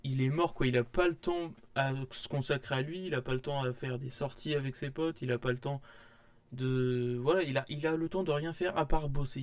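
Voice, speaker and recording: A man's voice: a little high, darkish tone. A young man, casually rambling through a manga haul vlog with many fillers and restarts. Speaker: manga vlogger.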